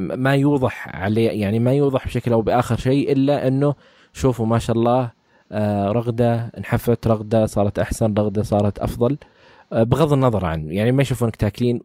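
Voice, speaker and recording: A male podcast host with a soft, mellow voice speaks quickly but keeps breaking off and restarting his sentences. The sound is dry and close. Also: mid-range voice, no room sound. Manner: hesitant, halting, with many restarts and fillers. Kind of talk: interview questions and summaries.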